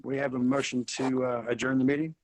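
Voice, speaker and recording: A man's voice: medium pitch, little pitch movement, fast, a little hiss or hum, rough recording. A man with an Arkansas drawl running formal procedure as chair of an online board meeting.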